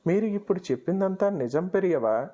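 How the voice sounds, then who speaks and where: A man's voice: high-pitched, animated, fairly quick, mellow, pitched above the performer's own voice. A man voicing a devout, anxious elderly grandmother in a storybook reading, speaking in a pleading, tearful way. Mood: earnest.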